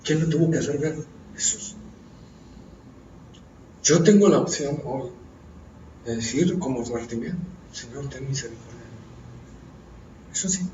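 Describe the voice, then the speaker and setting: A man's voice: on the high side, lively intonation, unhurried, pauses often, warm tone, slight background noise. A man preaching fervently, often asking his listeners questions. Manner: fervent, asks the audience questions. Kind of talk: sermon. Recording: echoey room from far off, dull and lo-fi.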